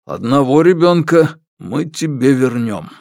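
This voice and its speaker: A man voicing a calm, guarded middle-aged man who speaks in a measured, firm way. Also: mid-range voice, gravelly, no echo, clean studio sound.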